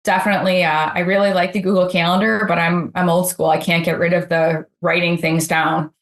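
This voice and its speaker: A woman's voice: fairly low pitch, little pitch movement, fairly quick, reverberant. A middle-aged woman speaking as a podcast guest, talking earnestly and chattily with frequent fillers. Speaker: podcast guest, advocate supervisor. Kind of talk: podcast interview.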